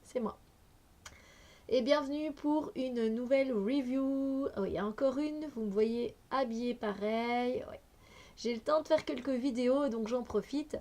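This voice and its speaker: A woman's voice: fairly high pitch, measured pace, mellow. A woman with a cold, reviewing an oracle card deck in a casual, hesitant way with many fillers. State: has a cold.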